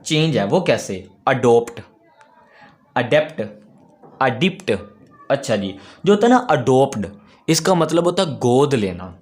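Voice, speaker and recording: A man teaching a class, patiently asking his own questions and repeating each key word slowly. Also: medium pitch, sing-song, a little mellow. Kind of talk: classroom lesson.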